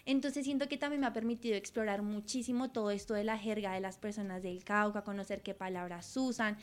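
A woman's voice: medium pitch, fairly even intonation, fairly quick. Young woman, earnest podcast co-host. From Colombia. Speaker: podcast co-host, student researcher. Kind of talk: casual radio chat.

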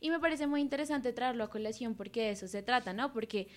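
A young woman, co-hosting a podcast about her student research, speaking in a measured, thoughtful way and slowing down on key words. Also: on the high side. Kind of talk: casual radio chat.

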